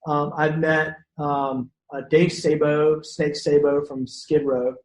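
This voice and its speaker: Casual podcast guest, man from Louisiana, animated with many restarts, echoey room sound. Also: a little high, slow. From Shreveport area, Louisiana. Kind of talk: casual storytelling chat. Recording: roomy echo.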